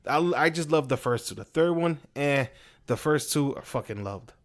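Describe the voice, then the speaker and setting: A young man co-hosting a casual podcast chat, profane and rambling, who laughs often and gets excitable when retelling scenes. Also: a little high, fairly quick. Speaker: podcast co-host.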